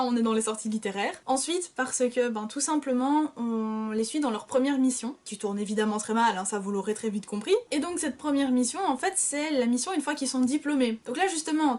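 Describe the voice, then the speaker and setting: A young woman chatting enthusiastically about books she recommends, calling her viewers "guys" as she talks. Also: a little high. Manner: chatty, enthusiastic, addresses viewers as "les gars". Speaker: book vlogger. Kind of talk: casual book recommendations. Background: soft background music.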